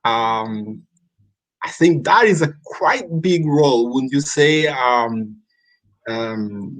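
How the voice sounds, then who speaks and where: A man hosting an interview, asking questions slowly with frequent fillers. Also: medium pitch, low-quality recording. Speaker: interview host.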